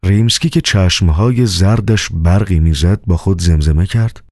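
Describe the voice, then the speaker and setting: A man reading an audiobook novel with calm, measured storytelling. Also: low voice, no echo, clean studio sound. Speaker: audiobook narrator. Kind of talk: scripted narration.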